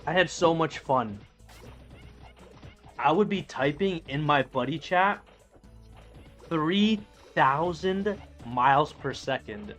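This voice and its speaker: This fairly high, fairly bright male voice belongs to a streamer in his late thirties playing an online game. He talks casually and reads out viewer messages in a rambling, profane way, often starting his sentences over.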